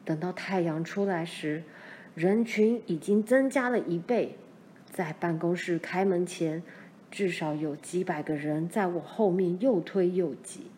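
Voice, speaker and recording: Give me a woman putting on a deep, measured pioneer father for a storybook, mellow tone. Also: a little hiss or hum, lightly acted. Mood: recounting. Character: steady pioneer father, middle-aged man.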